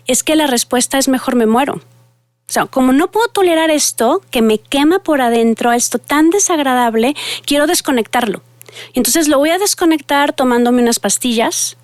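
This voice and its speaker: A woman's voice: on the high side, no echo. A woman psychologist, giving earnest advice to parents and speaking directly to her listeners.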